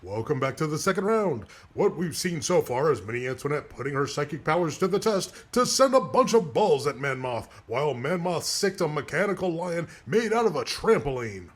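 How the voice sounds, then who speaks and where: A man doing a husky circus fight announcer. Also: a little high, sing-song. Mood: announcing. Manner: announcer-style recap, quick retorts.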